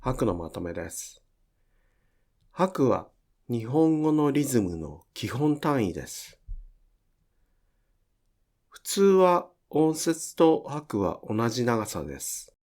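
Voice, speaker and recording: A man teaching Japanese pronunciation in a slow, careful explanatory lesson, drawing out his example words. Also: mid-range voice, very animated, a little mellow.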